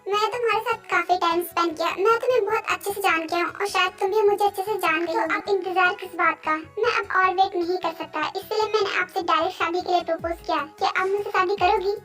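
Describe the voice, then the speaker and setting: A woman in an amateur fan dub voicing a devoted young male boss who pleads earnestly, with clear music behind. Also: extremely high pitch, fairly even intonation, quick pace, hardly any pauses, pushed and bright, far from the mic. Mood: pleading. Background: clear background music.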